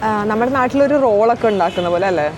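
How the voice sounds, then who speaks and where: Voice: mid-range voice, lively intonation, rapid-fire. A Malayali travel vlogger chatting casually to viewers, switching between Malayalam and English. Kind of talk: travel vlog narration, casual chat. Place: busy city streets and a cafe. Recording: noisy outdoor city traffic behind.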